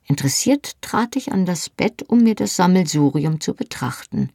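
An audiobook narrator reading a first-person novel in an even, measured storytelling manner. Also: medium pitch, creaky, slightly rough, no room sound, studio quality.

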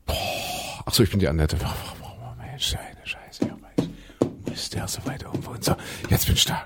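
A man's voice: extremely high pitch, huge pitch swings, normal speed, heavy background noise, voice pushed up, full character voice. A man putting on a breathless woman who is panting after climbing stairs, in a comic skit. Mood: winded. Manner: panting, gasping under breath.

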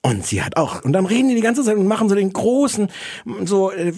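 Husky man ranting sarcastically. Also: high-pitched, big pitch swings, a little fast, a little mellow, no room sound, clean studio sound. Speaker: podcast co-host. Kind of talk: casual chat, TV review. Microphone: podcast microphone.

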